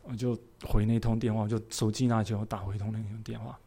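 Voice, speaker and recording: A man preaching a sermon as a pastor, telling a personal story in an earnest, expressive way. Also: fairly low pitch, fast, slightly rough.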